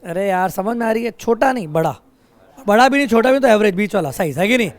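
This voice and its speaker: In this classroom lecture with banter, a man with a high, expressive voice teaches at a fast clip, alternating explanations with teasing and scolding his students while their chatter carries on behind him.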